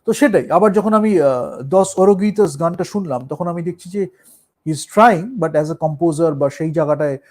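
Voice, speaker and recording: A man with a Bengali accent, a musician and performer, talking in a casual, thoughtful way, slipping English phrases into his speech and pausing with fillers. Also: a little high, darkish tone. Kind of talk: casual talk on art and performance.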